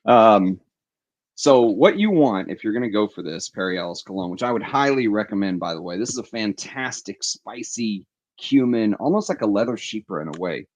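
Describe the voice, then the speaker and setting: A man's voice: on the low side, expressive, moderate pace. A man hosting a casual livestream, chatting with enthusiasm and reading viewer comments aloud on a headset mic. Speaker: fragrance livestream host.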